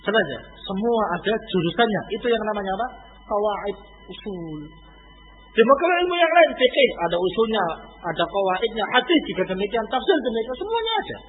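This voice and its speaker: A man teaching an Islamic study lecture in a lively, conversational way, firing off rhetorical questions. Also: high voice, fairly quick. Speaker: religious teacher. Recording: echoey hall over a tinny lo-fi line.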